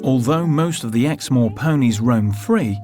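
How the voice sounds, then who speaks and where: A man narrates a nature documentary from a script. His voice sits at a middle pitch, with light music playing behind him. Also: lively intonation, unhurried.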